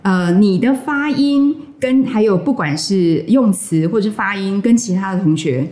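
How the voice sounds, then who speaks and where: A woman's voice: medium pitch, measured pace, dark tone. A woman hosting a casual podcast interview in an encouraging, attentive way. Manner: encouraging, frequent listening murmurs. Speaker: podcast host. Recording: roomy, echoey sound.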